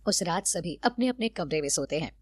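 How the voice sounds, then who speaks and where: A woman's voice: fairly low pitch, lively intonation, brisk, a little mellow, slightly rough, dry recording, studio quality. A woman narrating a family cartoon story in a plain, scripted storytelling manner.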